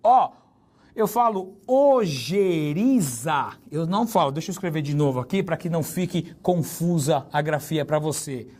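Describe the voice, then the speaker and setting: Joking teacher. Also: male voice, fairly high pitch, a little mellow. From Brazil. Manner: chatty, joking, spells words out slowly and stresses them. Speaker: Portuguese teacher. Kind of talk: recorded exam-prep lesson.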